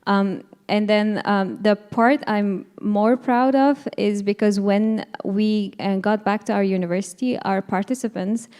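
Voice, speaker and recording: Earnest young woman, mellow voice. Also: mid-range voice, steady tone, measured pace, hardly any pauses, clear, resonant tone. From Afghanistan. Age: 20s. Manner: earnest, hesitant, frequent fillers and restarts. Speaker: panel speaker, advocate. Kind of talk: personal testimony at a panel event.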